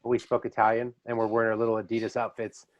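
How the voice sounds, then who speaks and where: A middle-aged man hosting a podcast, swapping stories in a casual, animated way and laughing easily. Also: fairly low pitch, fast talker. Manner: animated storyteller who drops into voices and laughs easily. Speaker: podcast host. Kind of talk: casual reminiscing chat. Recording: dull lo-fi audio.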